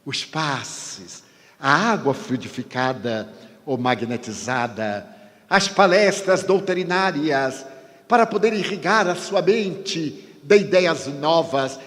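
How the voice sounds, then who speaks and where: A man giving a spiritist lecture, speaking emphatically, slowing down to stress key words, with dramatic pauses. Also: medium pitch. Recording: long hall reverb.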